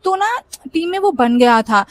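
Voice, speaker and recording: A young woman casually telling a personal story, animated and switching between Hindi and English as she acts out the dialogue. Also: very high voice, unhurried, no echo. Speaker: storyteller vlogger.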